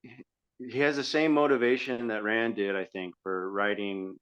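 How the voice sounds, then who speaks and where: On dull lo-fi audio, a man co-hosting a podcast argues critically about politics in a conversational way. His voice is on the low side, clear and resonant, a bit bright, fairly even in intonation, and a little slow.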